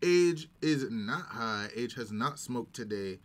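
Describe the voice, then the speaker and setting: Animated, slangy man bantering. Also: mid-range voice, slow. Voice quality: expressive, swooping delivery. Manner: slangy, emphatic, playful. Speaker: streamer, co-host. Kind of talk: casual live-stream banter.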